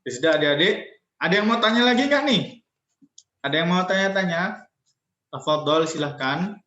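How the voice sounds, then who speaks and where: A man's voice: high voice, animated, moderate pace, a bit bright. Playful young man telling kids stories. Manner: playful, acts out quoted voices. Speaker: religious storyteller for children. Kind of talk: storytelling lesson for kids. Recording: echoey lo-fi recording.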